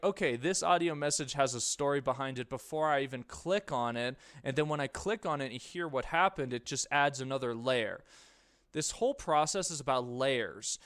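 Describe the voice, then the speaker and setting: A man, an indie game developer, giving a casual slide lecture on game design in loose, excited talk with lots of filler words. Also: fairly high pitch, clear, resonant tone.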